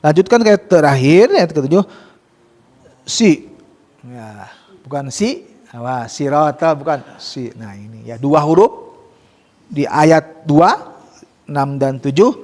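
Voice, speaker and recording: A man teaching Quran recitation rules to students, explaining casually and modelling slow, drawn-out recitation. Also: mid-range voice, expressive, a little mellow, in a large hall. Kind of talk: tajwid lesson with students.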